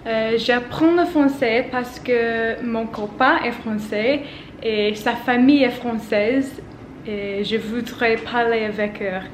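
Young english woman vlogging at home, slow careful talk, kinda high voice, echoey room w faint hiss. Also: fairly even intonation. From England. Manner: slow, careful speaking with frequent laughs. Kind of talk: casual vlog, learning French. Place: indoors at home, study.

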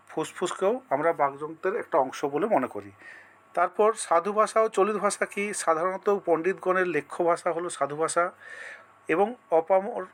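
A man's voice: on the high side, a bit bright. Man reading quiz answers in a lesson. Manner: reads each option as a list, then states the answer. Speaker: teacher.

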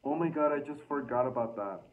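A man's voice: mid-range voice, a little fast. A young man casually reading his own diary aloud with embarrassed, self-mocking asides, like a vlogger talking to the camera. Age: young adult, early twenties. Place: small room indoors. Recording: thin phone-like sound with loud noise.

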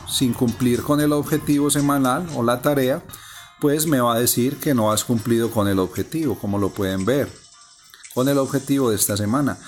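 A man calmly narrating a phone game walkthrough step by step. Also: medium pitch. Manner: explains step by step, calm and methodical. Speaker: gameplay narrator. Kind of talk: casual screen-recording walkthrough. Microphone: voice-over on a phone screen recording.

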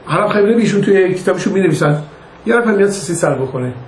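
A man's voice: sits high, lively intonation. An older man, a rabbi, giving an informal religious lesson in a conversational way, telling stories and acting out their dialogue. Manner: conversational, anecdotal, acts out quoted dialogue. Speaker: rabbi teaching a class. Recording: echoey room with faint noise.

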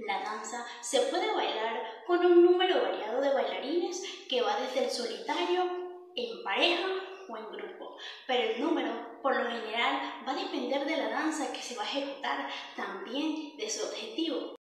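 A woman's voice: on the high side, animated, moderate pace, recorded from a distance, slight background noise. A woman in her twenties from Panama, a university student presenting a class video and reading a prepared explanation. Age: 20s. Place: small room indoors. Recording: echoey room, background music.

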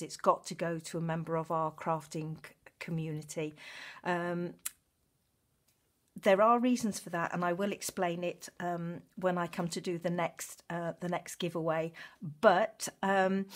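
A woman hosting a craft channel, chattily announcing giveaway prize winners in an informal, self-mocking and gushingly thankful way. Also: lowish voice. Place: indoors at a craft table.

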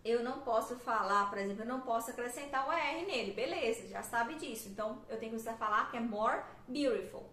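Brazilian woman in her thirties, teacher, bright voice, echoey room, patient and slow on the examples. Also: fairly high pitch, expressive. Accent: Brazilian Portuguese. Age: 30s. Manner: explains patiently, drawls example sentences slowly, ends phrases with "tá?". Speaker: English teacher. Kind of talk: casual online English lesson. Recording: echoey room with faint noise.

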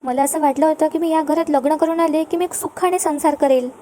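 A woman's voice: sits high, steady tone, brisk, mellow, slight background noise, close to an everyday voice. A woman reading out a scheming young wife faking hysterics. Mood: melodramatic wailing. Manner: wailing, self-pitying outbursts.

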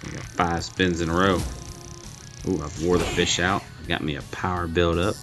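Very deep-voiced man commenting on gameplay. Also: flat delivery, normal speed. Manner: chatty, self-deprecating, thinking aloud. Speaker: mobile game reviewer. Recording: faint game music behind.

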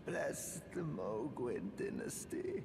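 An actor voicing a smooth, melodious, sweet-talking male cult recruiter in a video game. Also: medium pitch, sing-song, very slow, background noise, full character voice. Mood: pleading. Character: honeyed, silky-voiced male cult recruiter.

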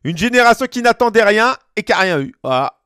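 A man in his thirties from France chats through a live gaming stream, his voice pitched high and bouncing up and down. He talks in slangy, joking asides to his viewers. The sound is close and dry, with no room around it. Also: big pitch swings, fairly quick, bright, forceful tone, smooth, no room sound. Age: 30s. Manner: slangy, joking banter with chat. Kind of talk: casual gaming stream chat.

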